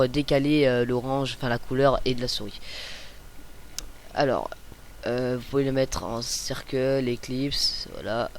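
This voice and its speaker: A young man hosting a casual screen-recorded software tutorial, chatty and hesitant, with many fillers and self-corrections. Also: medium pitch. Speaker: tutorial host.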